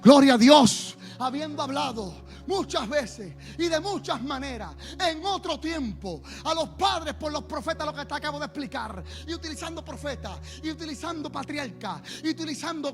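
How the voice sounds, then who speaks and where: A man pastor preaching a sermon to a congregation in a church. He builds to loud exhortation and calls on the listeners to stand and respond. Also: very high-pitched, expressive, moderate pace. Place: church service before a congregation.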